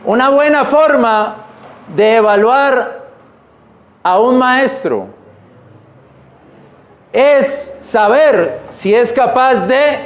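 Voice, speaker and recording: High-voiced pastor preaching. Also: male voice. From Colombia. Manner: reads scripture slowly then explains in plain, repetitive speech. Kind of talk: sermon. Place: church.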